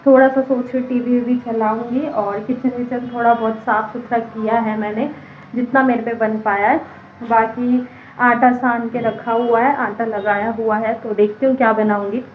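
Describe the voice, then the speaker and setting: A woman's voice: on the high side, steady tone, normal speed, a little hiss or hum. A woman vlogger chatting casually and rambling straight to her viewers. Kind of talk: casual vlog chat to camera. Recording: echoey room on a tinny phone mic.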